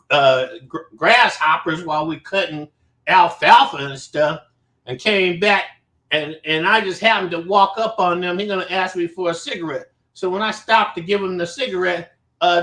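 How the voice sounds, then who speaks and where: A show host tells a casual story from his childhood in a high, pushed, bright voice. He is blunt, swears a lot, and rambles, and the recording has a roomy echo.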